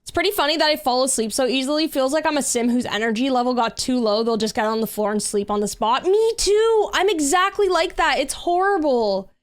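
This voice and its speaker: A woman livestreams gameplay from home, rambling chattily to her viewers and leaning heavily on "like" and "literally." She talks quickly in a slightly high voice, barely pausing.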